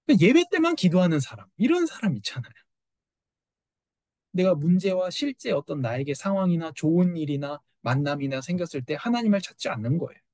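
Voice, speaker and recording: A middle-aged man preaching a sermon with a fairly high voice that swings up and down in lively fashion. He drives his points home with rhetorical questions. The sound is close and dry, with no room echo. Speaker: pastor.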